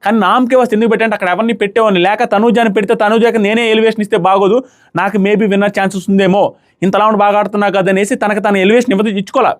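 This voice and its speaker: A man's voice: high-pitched, fairly even intonation, rapid-fire. A young man giving casual, opinionated commentary as a reality show reviewer, emphatic and full of rhetorical questions.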